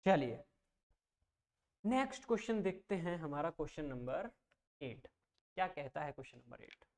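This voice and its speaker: A coaching teacher whose voice is on the high side, sing-song and a little mellow teaches math online. He is patient and reassuring, stepping slowly through problems, repeating numbers aloud, confirming students understand and explaining in plain terms.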